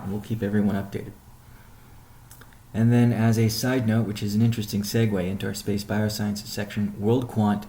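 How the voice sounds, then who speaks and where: A company CEO hosts an informal weekly update call, laying out news in a measured, explanatory way and often pausing mid-sentence. His fairly low voice carries plenty of gravelly fry and a dark tone. The room is echoey and roomy.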